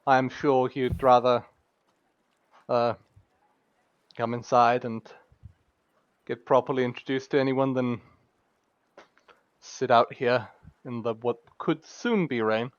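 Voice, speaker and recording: A man's voice: medium pitch, steady tone, slow pace, pauses often, clean tone, no room sound, pitched below the performer's own voice, close to an everyday voice. A man voicing a roguish young man with a casual, cocky manner, speaking dry and offhand on a dull lo-fi mic. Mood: easygoing.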